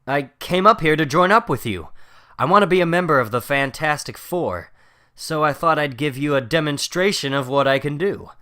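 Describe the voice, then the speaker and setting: Cocky teenage superhero, played by a man, comic book drama; hot-headed wisecracker with very animated, fairly high delivery. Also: moderate pace. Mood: brash. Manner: brash, wisecracking, theatrical. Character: cocky, quick-tempered teenage male superhero, wisecracking and brash.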